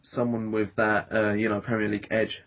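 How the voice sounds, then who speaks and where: A man's voice: lowish voice, monotone, fairly quick. A man hosting a casual football podcast, talking with many fillers and restarts. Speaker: podcast host. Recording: dull lo-fi podcast audio.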